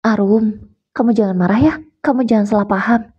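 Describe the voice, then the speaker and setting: A woman voicing an apologetic young husband in her own soft, pleading voice. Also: mid-range voice, steady tone, fairly quick, husky, natural voice. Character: adult male husband, gentle and apologetic. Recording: dull lo-fi recording.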